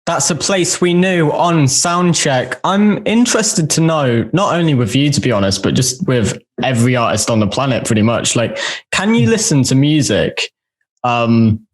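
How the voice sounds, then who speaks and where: A man's voice: mid-range voice, lively intonation, moderate pace. A male show host asking an interview guest questions in a chatty, curious, casual way.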